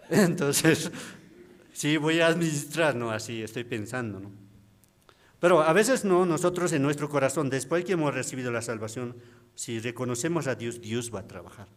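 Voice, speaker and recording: Deacon telling a lively testimony. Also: male voice, normal speed. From Bolivia. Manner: conversational storytelling, frequent tag questions, pitch jumps when quoting others. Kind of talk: personal testimony at a prayer service.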